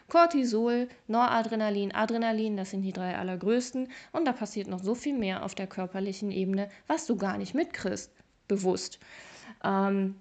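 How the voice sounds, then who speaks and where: A woman hosting a motivational podcast, talking casually and emphatically straight to the listener, with playful exaggeration. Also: medium pitch. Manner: casual and chatty with fillers. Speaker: podcast host.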